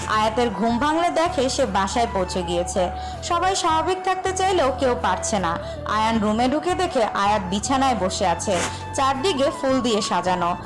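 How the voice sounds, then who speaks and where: Brief: woman narrator, romantic story reading, animated pitch, soft music bed. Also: moderate pace. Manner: expressive storytelling. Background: background music.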